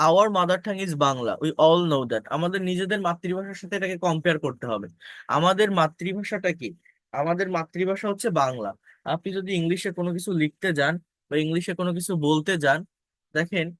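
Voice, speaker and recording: A man's voice: a little high, fairly bright tone, no room sound. A man teaching an English pronunciation lesson, explaining patiently, repeating key points and speaking directly to his viewers. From Bangladesh.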